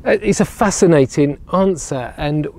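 A regional minister preaches earnestly to camera outdoors beside ruined castle walls on a sunny day, recorded on a clip-on lapel mic. His voice is on the high side and animated, with vocal fry and a darkish tone, at a normal speed. He often repeats words as he builds a point.

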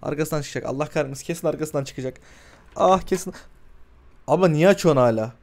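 Jumpy, cursing male streamer, higher voice. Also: fast, vocal fry, a little mellow. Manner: talks back to the screen, swears, shrieks when startled. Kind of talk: live reaction to horror shorts.

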